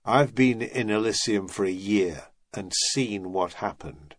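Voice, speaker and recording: A man's voice: on the low side, unhurried, no echo, clean studio sound. A man doing a weary, blunt security agent.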